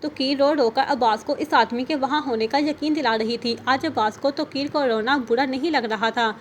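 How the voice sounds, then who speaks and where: A woman narrating an audio novel in a steady storytelling manner. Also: high-pitched, normal speed, slight background noise.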